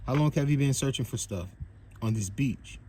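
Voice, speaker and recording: A man's voice: medium pitch, normal speed, darkish tone, slight background noise, pitched above the performer's own voice, close to an everyday voice. A man voicing a cheerful, curious young girl at the beach in a storybook read-aloud.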